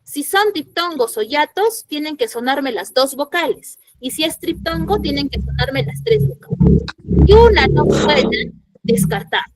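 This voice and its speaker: A woman with a high, bright voice teaches a secondary school language class online. She keeps asking her students questions and goes back over each rule. The sound is dry and close, with no room echo. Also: expressive, unhurried, soft background music. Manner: questioning, repeats key points for students. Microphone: computer mic in an online class.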